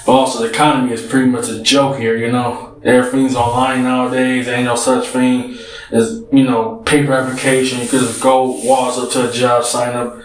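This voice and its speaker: A man's voice: medium pitch, flat delivery, brisk, few pauses. A man who is out of breath, talking casually to his viewers in a rambling way, often saying "you know what I'm saying". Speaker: vlogger. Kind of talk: casual talk to camera. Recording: roomy sound, mic at a distance, faint noise.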